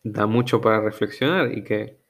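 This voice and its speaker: A young man from Venezuela, about to turn twenty, hosting his own podcast in a slow, hesitant solo monologue, often restarting as he searches for words. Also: lowish voice, vocal fry, a bit bright. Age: young adult. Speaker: podcast host.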